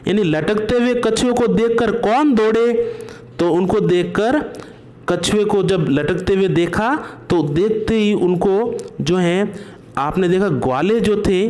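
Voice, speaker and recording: A man teaching an online class, explaining each answer slowly and asking the class to repeat it. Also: high-pitched, a little mellow.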